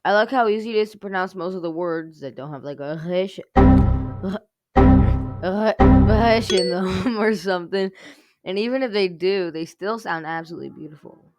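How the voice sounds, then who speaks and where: Rambling woman host, slightly low voice. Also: fast talker, faint music behind. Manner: rambling, heavy use of filler "like". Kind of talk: casual language review commentary.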